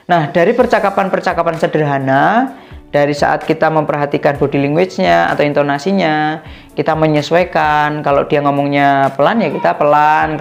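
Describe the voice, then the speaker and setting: A woman giving an instructional talk on youth coaching, acting out sample conversations with a lifted, lively voice. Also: vocal fry. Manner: acts out sample dialogues with rising lively pitch. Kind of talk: instructional talk with role-play examples.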